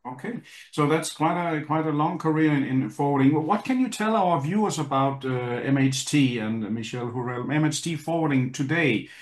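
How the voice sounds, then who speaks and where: A man's voice: a little high, normal speed, few pauses, echoey room. A man hosting an online interview in a conversational way, repeating words as he frames his questions. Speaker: interviewer, host.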